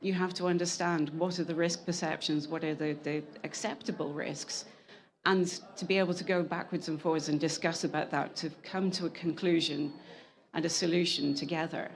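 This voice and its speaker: On a conference panel, a climate scientist and engineer speaks in a low voice with fairly even intonation at a moderate pace. She's earnest, often breaking off to restart and correct herself.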